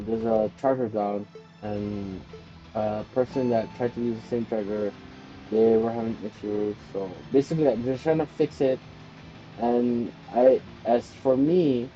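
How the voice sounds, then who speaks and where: Man, streamer, casual rambling chat, very dark voice, muffled lo-fi audio. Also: mid-range voice. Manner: rambling, chatty storytelling.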